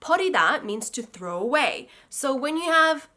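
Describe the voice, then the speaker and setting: Her voice sits high and sounds pushed and bright, with big pitch swings and a brisk pace. She is a young native Russian speaker hosting a language-learning show, casually working through song lyrics as a learner. She talks her translations through aloud, chatting and correcting herself.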